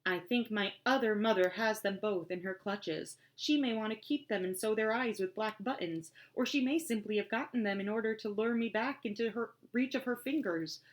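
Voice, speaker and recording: A woman's voice: medium pitch, moderate pace, few pauses, pitched above the performer's own voice, close to an everyday voice. A woman voicing a serious young girl who talks earnestly and tries to sound grown-up, in an audiobook reading.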